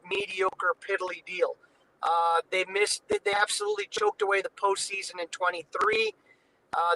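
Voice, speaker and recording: A man's voice: high-pitched, bright, forceful tone, slight background noise, poor audio. A man talking baseball as a podcast guest over a video call that breaks up, loose and chatty with lots of fillers. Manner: loose and conversational, many "you know" fillers. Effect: heard over a video call with a breaking-up connection. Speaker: podcast guest covering the Cubs. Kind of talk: casual baseball chat.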